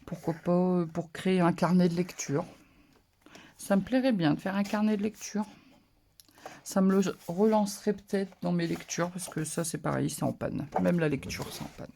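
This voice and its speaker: Gravelly, mellow papercraft vlogger. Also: medium pitch, moderate pace, a little hiss or hum. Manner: relaxed, chatty, lots of small hesitations. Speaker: papercraft channel host. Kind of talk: casual haul show-and-tell.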